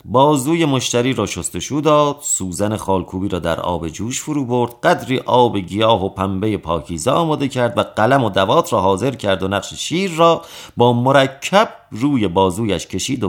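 A man reading a traditional story aloud, narrating in a clear, expressive way. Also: mid-range voice. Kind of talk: reading a folk tale aloud.

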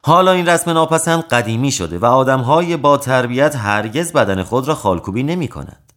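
A man reading a traditional story aloud, narrating in a clear, expressive way. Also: medium pitch. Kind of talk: reading a folk tale aloud.

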